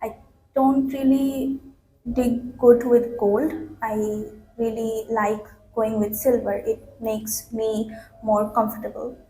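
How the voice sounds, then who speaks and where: A young Bangladeshi woman sits a mock IELTS speaking test in a small indoor office room, where the recording is echoey with faint noise. Her fairly high, warm voice is slow and flat, and her answers are packed with fillers and restarts.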